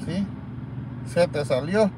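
A man's voice: on the high side, takes it slowly, noisy background. A man hosting a live stream in blunt, scornful and crude casual talk. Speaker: livestream host.

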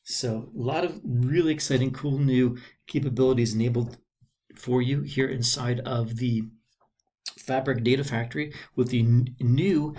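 A man presenting a software feature in a screencast walkthrough, upbeat and informal with the odd filler. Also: medium pitch, fairly even intonation, normal speed. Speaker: product demo presenter. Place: voice-over on screen recording.

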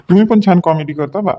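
A man playing a chatty shopkeeper in a comedy sketch, joking with customers while pitching his goods. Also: noisy background. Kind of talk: comic sketch acting.

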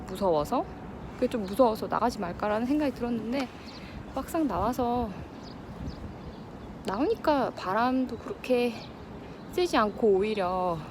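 A woman in her thirties talks casually and reflectively to her vlog audience while running outdoors, breathing with some effort between phrases. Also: mid-range voice. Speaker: vlogger. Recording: noisy outdoor ambience with wind or traffic.

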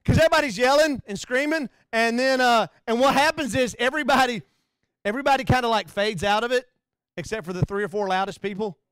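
A man preaching a conversational sermon, animated and joking, sometimes acting out bits in a low hushed voice. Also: quick pace, smooth, no echo. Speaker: pastor.

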